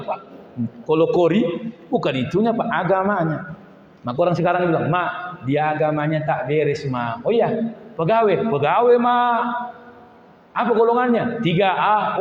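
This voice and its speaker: A man giving a humorous sermon, animated, acting out dialogues in playful voices. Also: sits high, a little hiss or hum. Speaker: preacher. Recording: echoey hall, slightly muffled.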